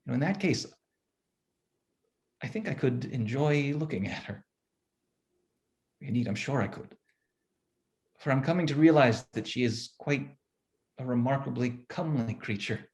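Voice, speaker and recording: A man's voice: mid-range voice, expressive, moderate pace, pauses often, darkish tone, lightly acted. An actor playing Adam as a bemused young husband, reading his diary with dry, musing asides over a video call. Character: first man, gruff bemused young husband. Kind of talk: theatrical reading of a one-act play.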